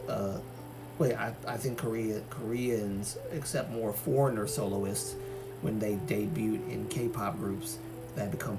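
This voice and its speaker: A man's voice: fairly low pitch, gravelly. A man from Algeria hosting a livestream, chatting casually and giving his opinions with many fillers and restarts. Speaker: livestream host. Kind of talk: casual chat reading viewer comments.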